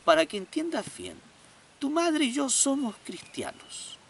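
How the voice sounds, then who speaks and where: A man's voice: very high-pitched, wildly swooping pitch, unhurried, fairly bright tone, far from the mic, pitched above the performer's own voice, exaggerated voice. A man voicing a tired, impatient father who explains things with weary exasperation. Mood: exasperated.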